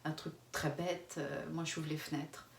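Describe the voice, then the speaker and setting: A woman's voice: low voice, flat delivery, measured pace, vocal fry. A middle-aged woman from France chatting candidly as a vlogger, with casual fillers. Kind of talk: casual chat. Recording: echoey room, mic far off, faint hiss.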